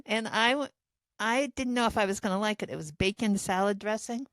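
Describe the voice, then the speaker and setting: A woman's voice: medium pitch, fairly quick, a bit bright, dry recording. A woman in her seventies, co-hosting a podcast, telling a long personal story in a rambling, self-deprecating way. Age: 70s. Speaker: podcast co-host telling diary stories. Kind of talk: casual storytelling chat.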